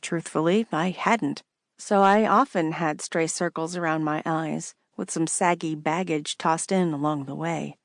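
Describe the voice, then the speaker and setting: A woman reading a first-person novel aloud in a measured, wry way. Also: low-pitched, fairly even intonation, no room sound, studio quality. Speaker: audiobook narrator.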